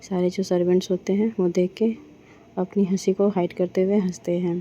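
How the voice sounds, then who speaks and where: A woman telling a romance story in a plain, steady manner. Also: on the low side, moderate pace. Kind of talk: story narration. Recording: dull lo-fi with faint noise.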